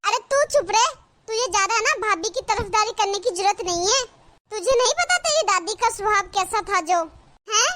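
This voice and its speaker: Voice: very high voice, expressive, normal speed, heavy background noise. A voice actor playing a sarcastic, complaining village mother-in-law in a cartoon. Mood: scolding. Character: nagging scolding village mother-in-law, middle-aged woman. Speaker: cartoon character. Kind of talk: cartoon voice acting.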